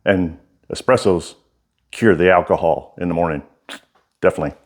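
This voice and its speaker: A middle-aged man with an American accent and a fairly low voice. He speaks out of one side of his mouth in a loose, folksy way. His delivery is that of an informal vlogger rambling as he shows people around. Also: moderate pace. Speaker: writer and bladesmith giving a workshop tour. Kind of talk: casual walk-through vlog.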